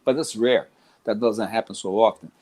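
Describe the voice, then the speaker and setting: Speaking with a Brazilian Portuguese accent, this middle-aged jiu-jitsu instructor from Brazil rambles casually about teaching, frequently starting over and saying "man" a lot. His voice is fairly low and darkish, at a moderate pace.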